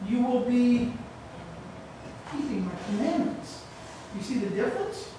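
A man with a very high, animated voice preaches unhurriedly as pastor in a church sanctuary, asking his congregation questions and answering them himself. He speaks into a stand microphone, sometimes stepping away, in an echoey room with background noise.

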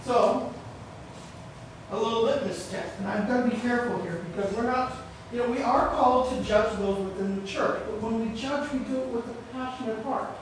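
A pastor delivers a sermon into a church microphone on a stand, sometimes stepping away from it, and poses questions to his congregation that he then answers himself. His voice is very high-pitched and moves at a normal speed. The church sanctuary sounds echoey, with a little hiss or hum underneath.

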